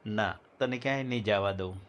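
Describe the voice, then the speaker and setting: A man's voice: medium pitch, moderate pace, breathy edge, natural voice. A man voicing a playful, teasing teenage younger sister in a storybook reading. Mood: tearful pleading. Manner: teasing, chatty, affectionate. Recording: loud background music.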